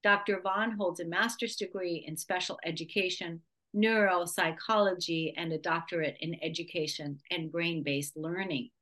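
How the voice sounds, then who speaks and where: Woman, radio interview host, effusive, enthusiastic, fairly low voice. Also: fairly even intonation, moderate pace, fairly bright tone. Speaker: radio talk show host. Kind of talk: hosting an interview.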